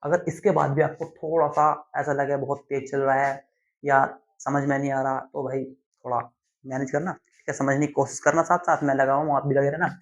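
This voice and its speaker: A young man, teaching a class lesson slowly and deliberately, often checking in with his students. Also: mid-range voice, little pitch movement. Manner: slow, deliberate explaining with frequent "theek hai" check-ins. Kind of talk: classroom lecture. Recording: dull lo-fi sound.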